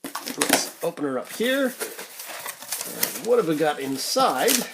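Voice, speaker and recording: Over heavy background noise, a Canadian vlogger rambles hesitantly through an unboxing, thinking aloud in a slow, sing-song mid-range voice with vocal fry. It's a casual YouTube chat recorded on an amateur home mic.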